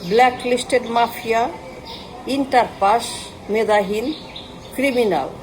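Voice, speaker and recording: A woman's voice: a little high, a little slow, a little mellow, a little hiss or hum, rough recording. A woman giving an impassioned political rant, firing off long lists of insults and mixing in English words. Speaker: political commentator.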